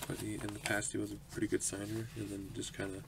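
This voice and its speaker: Young man with a low gravelly voice. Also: monotone, fast talker. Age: 20s. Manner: chatty, upbeat, laughs often, many ums. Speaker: autograph collecting channel host. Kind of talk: casual mail-opening vlog. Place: small home room, indoors. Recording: noisy home recording.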